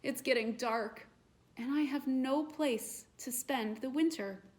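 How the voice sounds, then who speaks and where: A woman's voice: high voice, slow pace, darkish tone. Woman playing a tiny grateful storybook ghost. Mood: small.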